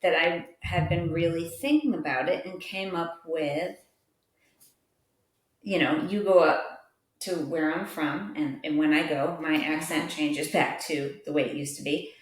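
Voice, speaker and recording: A woman yoga teacher in a casual chat, speaking in a thoughtful, measured way. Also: deep voice. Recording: echoey room.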